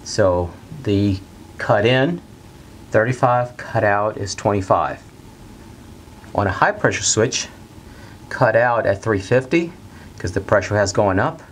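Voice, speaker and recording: A middle-aged man teaching a technical lesson at a whiteboard in a studio, talking plainly and steadily and repeating the key steps slowly. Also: on the low side, expressive, slight background noise. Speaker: HVAC instructor. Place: bright indoor studio at a whiteboard.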